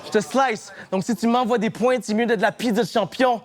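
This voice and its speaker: A man with a Québécois French accent battle rapping a cappella, taunting his opponent and shouting his punchlines. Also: very high voice, fairly quick, over loud music. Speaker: battle rapper. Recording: noisy live battle recording.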